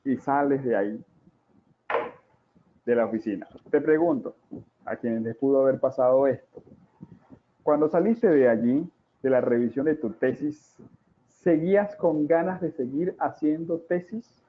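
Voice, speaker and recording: A man in his forties giving a talk on child development, dramatic and full of rhetorical questions and drawn-out repetitions. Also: mid-range voice, a little hiss or hum. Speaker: parenting educator. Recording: tinny, phone-like sound.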